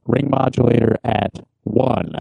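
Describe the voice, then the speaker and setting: A man's voice: mid-range voice, unhurried, vocal fry, no echo, narrow, tinny audio. A man speaking through a ring modulator effect that makes his voice sound metallic and robotic, calling out the settings as he tests them. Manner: testing settings aloud, counting values, laughing. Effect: ring modulator giving a metallic, ringing robotic tone. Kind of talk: casual chat.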